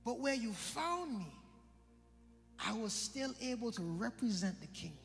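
High-voiced Virgin Islands preacher. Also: male voice, very animated, unhurried, gravelly, big-room sound, soft background music. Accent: British Virgin Islands. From British Virgin Islands. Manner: questions the congregation, repeats phrases for emphasis. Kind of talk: sermon.

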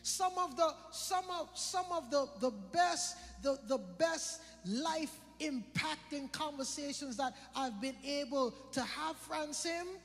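A man's voice: very high voice, slow, few pauses, fairly bright tone, in a large hall, soft background music. A man from the British Virgin Islands with an island accent, preaching a sermon, quizzing his congregation and repeating phrases for emphasis.

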